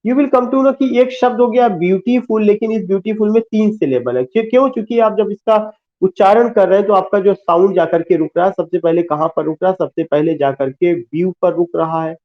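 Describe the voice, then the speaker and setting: A man giving a classroom lecture, explaining slowly, repeating key terms and asking rhetorical questions. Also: high voice. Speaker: teacher. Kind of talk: classroom lecture mixing Hindi and English. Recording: tinny phone-like sound.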